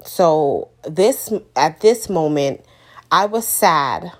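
Low-voiced woman sharing a personal story. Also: expressive, very slow. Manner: earnest, emotional, repeats for emphasis. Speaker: mother sharing her story. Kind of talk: personal testimony to camera.

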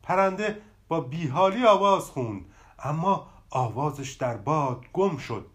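A man narrating a children's story with an expressive, sweeping delivery. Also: fairly high pitch.

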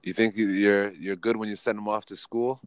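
A man's voice: fairly low pitch, steady tone, a little fast, clean tone, rough recording. A man in his forties hosting a casual podcast chat, laid-back and teasing, laughing often. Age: 40s.

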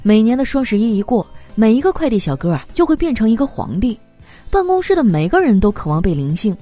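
A woman telling comic stories in a lively, animated way, laughing through her punchlines. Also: on the high side, quick pace, faint music behind. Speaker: comedy monologue performer. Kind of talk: stand-up style comic storytelling.

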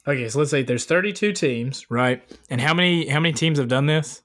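A man's voice: fairly high pitch, fairly quick, fairly bright tone. A man co-hosting a podcast in casual, profane banter, jokey and full of slang. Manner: slangy, jokey, swears freely. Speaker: podcast co-host.

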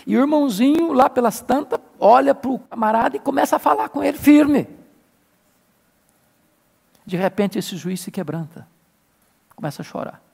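A male pastor preaching a Bible-study sermon with animated, emphatic bursts. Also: very high voice, normal speed, vocal fry, long pauses, breathy edge, long reverb tail. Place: church sanctuary.

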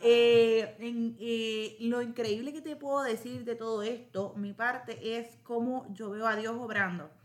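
A woman telling a heartfelt, devout story as a podcast guest, lively and emotional. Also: a little high, a little slow, hardly any pauses. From Puerto Rico. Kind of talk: casual heartfelt testimony.

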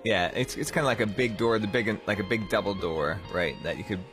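Low-voiced man running a tabletop game. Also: a little fast, music in the background. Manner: relaxed, rambling with many fillers. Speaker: game master.

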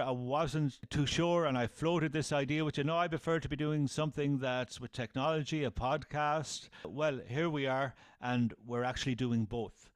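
A man's voice: fairly high pitch, no echo. A middle-aged man with an Irish accent, hosting a podcast in a conversational style. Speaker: podcast host, sales trainer.

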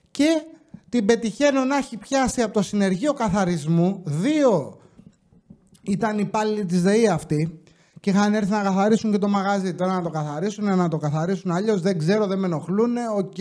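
A man's voice: high voice, a little mellow. A man hosting a casual podcast, joking around and reading listeners' stories aloud. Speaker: podcast host.

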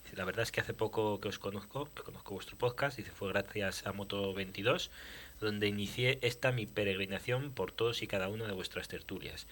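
Low bright-voiced man co-hosting. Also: brisk, slight background noise. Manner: reads listener emails aloud. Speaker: podcast co-host. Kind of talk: casual chat.

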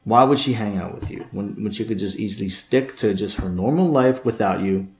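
A man's voice: on the low side, a little fast, darkish tone. A man hosting a dating podcast, giving blunt, harsh advice in a scolding monologue full of stammered repeats. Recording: echoey room.

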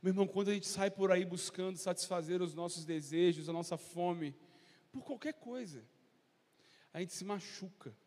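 Impassioned high-voiced man preaching. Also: moderate pace, darkish tone. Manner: impassioned, rhetorical questions, acts out crowd voices. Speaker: pastor. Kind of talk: sermon. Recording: long hall reverb.

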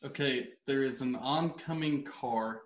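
A man playing a word-guessing game on a radio show, excitable and laughing often as he fumbles his clues. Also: medium pitch, a little slow, echoey room. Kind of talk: casual joking banter.

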